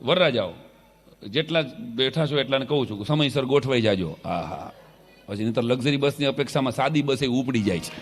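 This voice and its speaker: A medium-pitched folk comedian livens up a family wedding, telling humorous tales to the audience in a large event hall and switching quickly into voices for his characters. The stage-microphone recording is reverberant, with faint music in the background.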